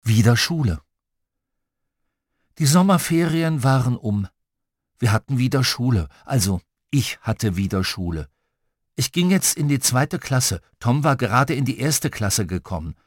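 A man reading a children's story aloud as its first-person narrator, in a playful and expressive storytelling manner. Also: medium pitch, a little slow, dry recording, studio quality. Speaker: audiobook reader.

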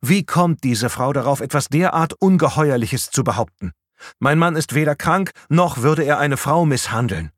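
A man's voice: a little high, animated, moderate pace, dry recording, studio quality, voice pushed up. A man voicing an indignant wife. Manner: firm, indignant. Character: woman, wife defending her husband.

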